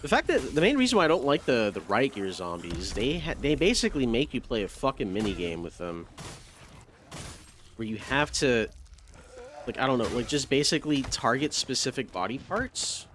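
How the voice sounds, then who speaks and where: A man doing casual live gameplay commentary, talking to himself in slangy, profane language with excitable outbursts. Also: medium pitch, normal speed. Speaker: game streamer. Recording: faint background noise.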